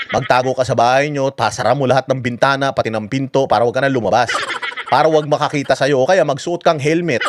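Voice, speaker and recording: A man's voice: fairly high pitch, noisy background. A Filipino man doing a political vlog, ranting in a mocking, crude way and laughing at his own jokes. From Philippines. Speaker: political vlogger. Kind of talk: casual ranting commentary.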